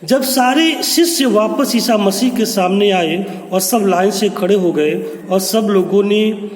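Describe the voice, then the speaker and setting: A man's voice: sits high, takes it slowly. A man teaching English poetry, explaining each word in Hindi and telling a story to his students. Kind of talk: poem explanation lesson. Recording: echoey room with long reverb.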